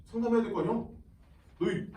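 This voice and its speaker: A male high school teacher talking casually to his students, chatty and animated, often acting out students and teachers in quoted asides and laughing along the way. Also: quick pace. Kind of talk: casual classroom talk to students. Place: classroom. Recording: roomy classroom sound from a distant mic.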